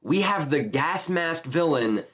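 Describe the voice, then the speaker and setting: Animated man giving casual reaction commentary. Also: on the high side, takes it slowly, noisy background. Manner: enthusiastic, chatty. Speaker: YouTuber reacting to a manga chapter.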